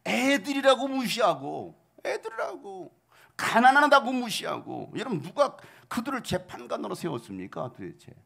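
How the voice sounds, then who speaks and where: 열정적으로 설교하는 중년 남성 목사. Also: male voice, very high-pitched, normal speed, creaky. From South Korea. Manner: animated preaching with rhetorical questions, sudden shouted outbursts. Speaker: pastor. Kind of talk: sermon.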